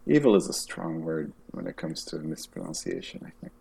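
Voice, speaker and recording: Low, husky man, soft and measured. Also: huge pitch swings. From Belgium. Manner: soft-spoken, measured, hesitant with ums. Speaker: music festival director. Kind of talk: casual interview conversation.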